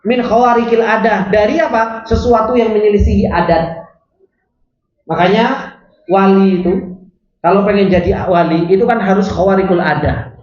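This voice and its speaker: A man, teaching a religious study lesson. He reads the classical Arabic text slowly, then explains it, asking rhetorical questions and answering them himself. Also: high voice, a little mellow. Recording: roomy, slightly dull recording.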